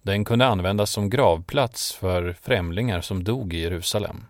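A man narrating a Bible story in a measured, solemn scripted reading. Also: low-pitched, dry recording, clean studio sound.

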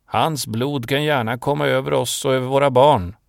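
A man voicing an angry crowd, yelling demands in a read Bible story. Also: medium pitch, steady tone, creaky, no room sound, clean studio sound, pitched above the performer's own voice, lightly acted. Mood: shouting. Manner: loud, yelled demands. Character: angry shouting crowd of men.

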